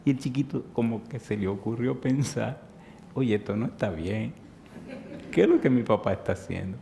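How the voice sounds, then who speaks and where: A man's voice: mid-range voice, animated, normal speed, creaky, warm tone, a little hiss or hum. A man in his fifties preaching a sermon, telling stories playfully and asking the congregation questions. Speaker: pastor.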